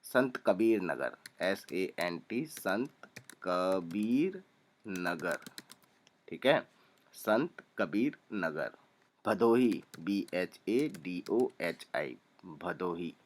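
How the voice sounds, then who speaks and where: Slow, low-voiced man dictating spellings. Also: expressive. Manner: slow, deliberate, spells names letter by letter and repeats them. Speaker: teacher. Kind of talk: spelling lesson, dictating letter by letter.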